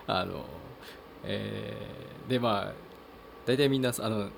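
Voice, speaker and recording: A man's voice: fairly low pitch, takes it slowly, creaky, background noise. A man from Kochi with a Tosa accent, hosting a casual solo talk and hesitating with many fillers and restarts. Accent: Tosa dialect. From Kochi, Japan. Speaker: podcast host.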